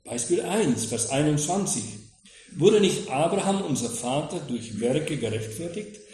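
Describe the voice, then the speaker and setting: A male preacher expounding scripture in a lively, questioning way, his pitch swinging widely and sitting a bit high. He talks directly to his listeners. The recording is roomy and echoey, with a faint background hiss. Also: unhurried. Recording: echoey room with faint noise.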